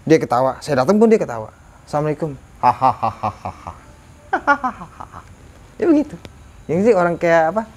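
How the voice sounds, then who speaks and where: A young man telling a ghost story to a host, animated and lively in pitch. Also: quick pace. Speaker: guest storyteller.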